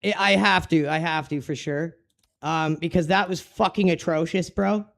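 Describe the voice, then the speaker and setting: A man's voice: on the high side, fairly even intonation, moderate pace, creaky, fairly bright tone. A man giving casual video game commentary as a streamer, talking like a frat bro with heavy slang, swearing and exasperated ranting. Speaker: gaming streamer.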